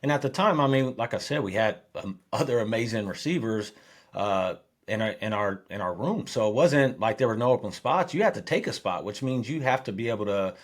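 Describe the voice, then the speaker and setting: A middle-aged man, a former football player, telling a story as a podcast guest, growing lively and loud as he acts out the scenes. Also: a little fast. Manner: animated storyteller, gets louder and higher when excited. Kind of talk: storytelling in an interview.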